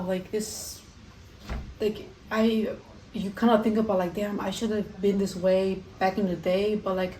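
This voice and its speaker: A woman's voice: mid-range voice, mellow. A young adult woman chatting casually and ramblingly during a food vlog, saying "like" often, recorded in a kitchen. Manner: rambling, frequent "like". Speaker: vlogger doing a mukbang Q&A. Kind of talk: casual chat to camera while eating. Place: roomy kitchen at home, indoors. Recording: echoey room with faint background noise.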